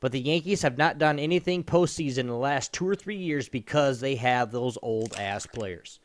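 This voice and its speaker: A man co-hosts a podcast, giving blunt, informal and emphatic opinions in a casual sports chat. His mid-range voice is animated, and he talks at normal speed.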